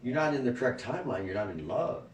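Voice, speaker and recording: A man leading a spiritual gathering, rambling and profane, laughing often and swinging between soft and loud. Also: medium pitch, expressive, fast talker, muffled recording, a little hiss or hum. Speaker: spiritual group leader. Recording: echoey room, far from the mic.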